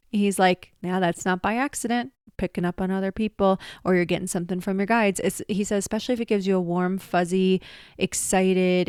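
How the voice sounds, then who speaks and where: A woman's voice: lowish voice, a little mellow, clean tone, no echo, clean studio sound. A woman, a medium, chatting casually and relaying what her spirit guide tells her, with frequent small laughs.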